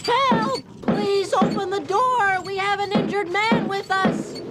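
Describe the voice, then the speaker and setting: A woman's voice: extremely high pitch, steady tone, slow pace. A woman voicing an earnest young wooden puppet boy in a cartoon, childlike and pleading. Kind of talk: dubbed cartoon acting. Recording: music behind the voice.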